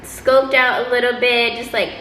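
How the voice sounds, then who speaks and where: A woman telling a personal story in a casual, chatty, animated way, acting out quotes as she goes. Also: on the high side, moderate pace. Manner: animated, exaggerating delivery with acted-out quotes. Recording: roomy echo, faint background noise.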